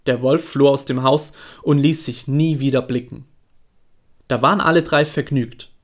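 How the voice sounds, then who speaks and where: A man reading a fairy tale aloud in a calm, even storytelling voice. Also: mid-range voice, moderate pace.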